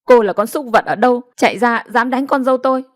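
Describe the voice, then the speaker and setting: A woman voicing an old village mother who scolds loudly and wails in grief. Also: fairly high pitch, fast, no room sound, studio quality, natural voice. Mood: scolding. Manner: scolding and wailing.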